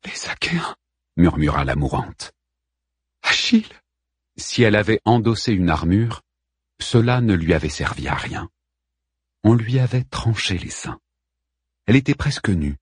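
Guy narrating an audiobook, low husky voice, lively tone, dry sound. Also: dry recording.

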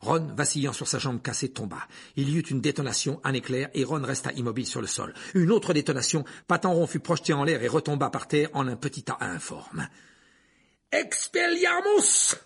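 A man reading a fantasy novel aloud as audiobook narrator, telling it dramatically with hushed passages. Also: medium pitch, animated, fairly quick, few pauses. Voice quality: husky, gravelly. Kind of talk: scripted narration.

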